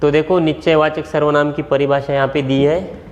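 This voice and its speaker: A male school teacher with a Marathi accent, giving a grammar lesson and repeating each example slowly, step by step. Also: on the high side, little pitch movement, lo-fi sound, a little hiss or hum. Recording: echoey room with long reverb.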